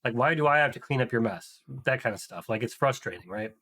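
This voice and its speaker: A man's voice: medium pitch, animated, quick pace, bright, forceful tone. Hesitant, thinking-aloud male reaction host. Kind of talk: casual commentary.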